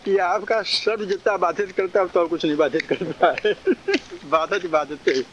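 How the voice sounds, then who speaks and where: Male spiritual teacher, high voice, repetitive teaching cadence with frequent chuckles; muffled lo-fi recording. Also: lively intonation, a bit bright. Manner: chuckling often, drawn-out teaching cadence, repeats phrases. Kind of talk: spiritual discourse. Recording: dull lo-fi recording, faint noise.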